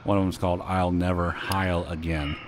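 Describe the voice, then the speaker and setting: A man's voice: sits low, background noise. A man casually commenting while playing a video game, rambling and joking as he reads the screen text aloud. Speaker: gaming video host. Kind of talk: casual let's play commentary. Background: loud game music.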